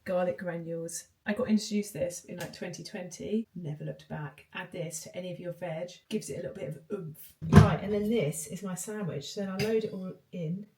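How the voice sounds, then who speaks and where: A woman's voice: on the low side, brisk, dark tone, a little hiss or hum. Chatty British woman, roomy room. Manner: chatty, rambling, full of "like". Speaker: vlogger. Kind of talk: casual chat to camera. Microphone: distant camera mic. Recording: roomy, distant home recording.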